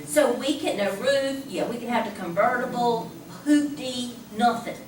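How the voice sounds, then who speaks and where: A woman math teacher giving a lively classroom lecture, talking casually and asking the class questions. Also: on the high side, unhurried. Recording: echoey classroom from a distance, faint hum.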